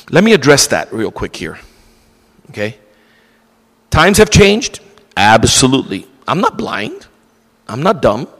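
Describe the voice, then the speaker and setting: A male pastor preaching a sermon, animated and acting out excuses in quoted voices, in a church. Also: sits high, in a large hall.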